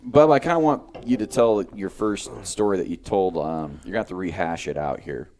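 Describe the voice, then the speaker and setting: A man's voice: deep voice, a little fast, a little mellow. Laid-back man hosting a podcast. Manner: laid-back, laughs often, asks follow-up questions. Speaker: podcast host. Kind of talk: casual podcast chat.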